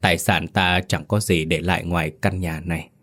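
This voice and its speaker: A man voicing a frail dying old village elder who gives weak but clear, solemn instructions. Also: deep voice, fairly even intonation, brisk, fairly bright tone.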